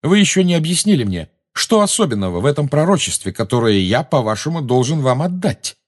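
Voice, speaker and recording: A man's voice: a little high, big pitch swings, brisk, voice pushed up. A man voicing a cornered but bold teenage boy wizard who taunts his enemies. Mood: defiant. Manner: defiant, taunting.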